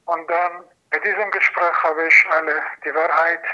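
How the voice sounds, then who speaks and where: A man giving a personal testimony as an asylum seeker, in halting, phrasing with frequent restarts. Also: a little high, flat delivery. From Iran. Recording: dull lo-fi recording.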